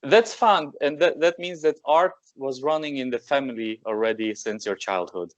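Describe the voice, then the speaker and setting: A podcast host with a mid-range voice interviews a guest over a remote call at a moderate pace, keeping it casual, friendly, and encouraging while asking open questions. The recording sounds dry and dull, with a lo-fi quality.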